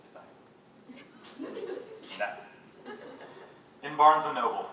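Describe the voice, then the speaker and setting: A man giving a live poetry reading, reading his own poems in a measured, unhurried way and making wry, self-mocking jokes between them. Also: medium pitch, fairly bright tone. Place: reading venue with a live audience. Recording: very echoey room, voice picked up from a distance, faint background noise.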